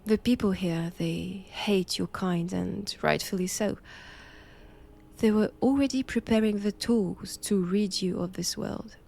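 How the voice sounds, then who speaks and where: In an intimate audio roleplay, a woman voices a solemn, assured Vatican nun who seeks knowledge of vampires, speaking in a hushed, deliberate French accent. Her medium-pitched voice carries vocal fry, and her mood comes across as cool and controlling.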